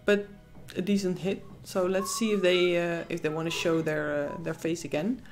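She's a young Dutch woman with a Dutch accent, from the Netherlands, co-hosting a live casino stream with soft music behind her. Her voice is fairly low with little pitch movement at a normal speed, and she chats with viewers, reads chat aloud, reacts to the game and squeals at wins.

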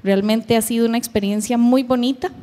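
A woman's voice: a little high, fairly even intonation, a little fast, mellow. A woman, giving a heartfelt personal testimony at a church youth meeting and acting out her daughters' words. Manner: emotional storytelling, acting out her daughters' voices. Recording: long hall reverb.

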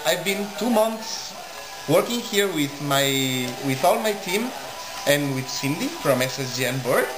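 A man in his twenties from Spain, introducing himself to the camera in an office, a little halting. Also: fairly high pitch, animated, echoey room, over music, poor audio. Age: 20s. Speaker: national organization president.

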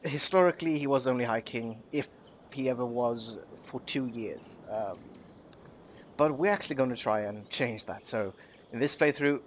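A man hosting a let's play, giving casual, halting commentary on a strategy game with many pauses. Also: medium pitch, a little hiss or hum. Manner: halting, many ums and uhs.

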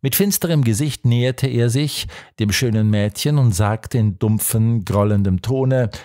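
A man's voice: medium pitch, unhurried, mellow, dry recording, studio quality. Man narrating a dramatic audiobook. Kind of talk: scripted literary narration.

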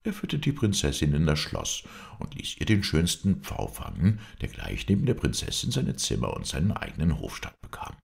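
A man reading an old fairy tale aloud as an audiobook narrator, expressive and dramatic. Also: very deep voice, moderate pace, gravelly, hardly any pauses. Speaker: audiobook reader. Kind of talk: storybook narration.

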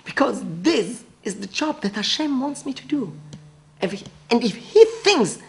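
A man playing a cheerful, devout floor cleaner in an audio drama, stammering and giggling, sometimes breaking into joyful shouts. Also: very high-pitched, expressive, normal speed, creaky, full character voice. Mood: overjoyed.

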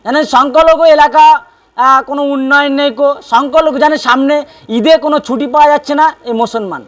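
A male news presenter with a West Bengal Bengali accent. His voice is very high in pitch and he delivers a dramatic report introduction. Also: a bit bright.

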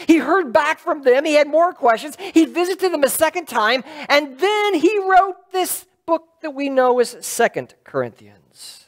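Preaching from a lectern in a church sanctuary, a middle-aged pastor speaks through a headset mic with a lively, rising and falling pitch. His style is conversational, often turning statements into questions for the congregation, at a measured pace with hardly any pauses.

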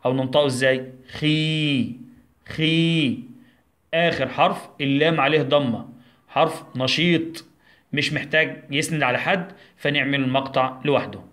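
A primary school teacher with an Egyptian Arabic accent gives a recorded lesson for young children, asking questions, answering them himself, and slowly sounding out syllables. His voice is medium-pitched, steady and fairly bright.

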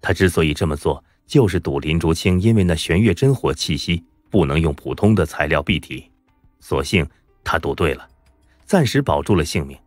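A man's voice: deep voice, animated, moderate pace, no room sound, clean studio sound, soft background music. A man narrating a fantasy web novel as an audiobook reader, in a dramatic, emphatic storytelling manner.

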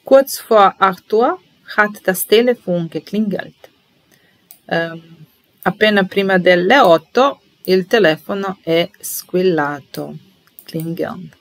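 Slow, patient woman teaching language. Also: medium pitch, animated, no echo, rough recording. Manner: patient, measured, enunciating each phrase slowly. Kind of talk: slow bilingual lesson, repeating phrases.

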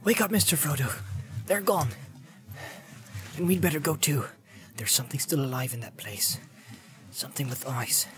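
A man's voice: high-pitched, sing-song, moderate pace, a bit bright, pitched above the performer's own voice. A man voicing a loyal, worried hobbit servant in an audiobook, urging his master to wake. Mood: urgent. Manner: urgent, pleading. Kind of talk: audiobook character voice.

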